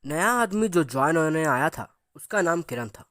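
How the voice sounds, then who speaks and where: A man's voice: fairly high pitch, lively intonation, moderate pace, a bit bright, no room sound, clean studio sound. A man narrating a story in a casual, conversational way. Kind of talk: Hindi horror story narration.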